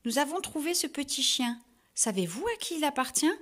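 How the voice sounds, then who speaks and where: A woman reading a children's storybook, voicing a cheerful, caring young woman in a high, eager, sing-song voice. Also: sing-song, brisk, fairly bright tone.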